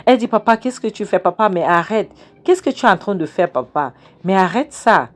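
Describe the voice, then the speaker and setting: A woman voicing a distressed young woman who pleads frantically with her father, high and shrill. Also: animated, racing, darkish tone, lightly acted. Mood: frantic pleading.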